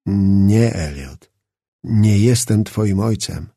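A hushed, slow-spoken older stranger with a gravelly, husky edge, as an audiobook narrator puts him on. His words come measured and low, recorded close and dry. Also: no room sound, heavily acted. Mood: mysterious. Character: shaken older man, calm and mysterious. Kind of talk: audiobook character reading.

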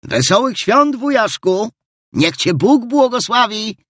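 A ringing, eager young nephew with a high, lively voice, as a male narrator puts him on. His voice is a little husky and sounds dry and close to the mic, as in a storybook reading. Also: slow, dry recording, heavily acted. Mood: cheerful pleading. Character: cheerful young man, warm-hearted nephew.

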